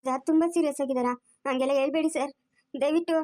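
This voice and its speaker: A woman's voice: sits high, steady tone, fast talker, darkish tone, natural voice. A woman voicing a frightened young village wife who pleads anxiously, with a rural Karnataka Kannada accent. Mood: pleading. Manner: pleading, tearful.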